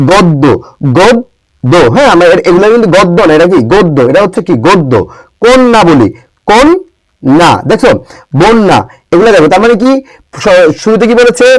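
High-voiced young man teaching grammar. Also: a little mellow, dry recording, poor audio. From Bangladesh. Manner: drills pronunciation with constant rhetorical questions; repeats words slowly for emphasis. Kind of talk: exam-prep grammar lesson.

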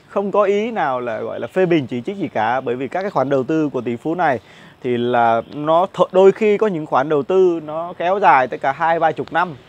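A man in his thirties giving casual stock market commentary outdoors on a lapel mic, chatty and full of fillers and repeated words. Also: a little high. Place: outdoor cafe patio with plants.

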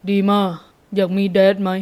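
Young father, possessive and doting, in an audiobook: lowered, firm, steady voice, played by a woman. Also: moderate pace, lightly acted. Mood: tender.

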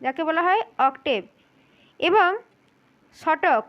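A woman's voice: very high voice, animated, takes it slowly, muffled recording. A woman giving a spoken lesson for teaching-exam interview preparation, methodical and repeating key points as she speaks directly to the listener.

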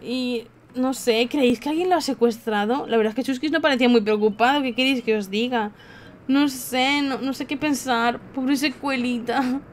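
A woman's voice: high voice, moderate pace. A young woman with a Spain Spanish accent giving gameplay commentary to her viewers with theatrical, exaggerated dismay. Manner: theatrical mock-grief, exclaiming to viewers. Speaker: gaming channel host. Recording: faint background game music.

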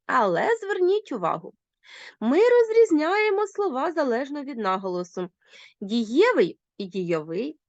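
Lively woman teacher, slow dictation. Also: no echo, highs cut off. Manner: slow, deliberate dictation of examples with lively pitch jumps. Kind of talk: recorded language lesson for schoolchildren.

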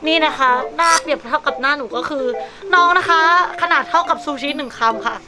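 In a bubbly pet shop showcase vlog, a woman with a high voice speaks fairly quickly, gushing playfully and cutesy as she flips between sales talk and baby talk. Background music plays behind her.

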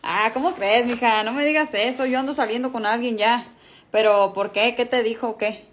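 A woman's voice: on the high side, fairly even intonation, normal speed, a bit bright, a little hiss or hum, close to an everyday voice. A woman voicing an easygoing middle-aged father who teases and flirts with a laid-back drawl. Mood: relaxed.

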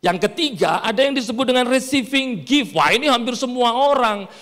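A man's voice: extremely high pitch, expressive, brisk, a bit bright. A middle-aged man, preaching a sermon and telling jokey stories to his congregation. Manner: storytelling, joking, playful with the congregation. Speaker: pastor. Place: church hall. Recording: reverberant church hall.

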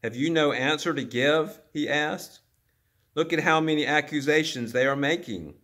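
A man reading scripture aloud at a church service, solemn and dramatic, raising his voice for the crowd's shouts. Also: moderate pace. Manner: dramatic, voicing the crowd's shouts louder and higher.

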